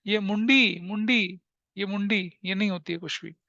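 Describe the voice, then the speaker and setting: A teacher lectures a class and tells stories with energy, often asking his students questions. His voice sits high and sounds bright and forceful. The sound is dry and a bit muffled. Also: normal speed, no room sound. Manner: animated storytelling, asks the class questions.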